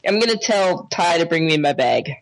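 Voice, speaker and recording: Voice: medium pitch, expressive, normal speed, slight background noise, poor audio. A player in a tabletop role-playing game who laughs often and describes their character's actions playfully. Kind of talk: casual tabletop play.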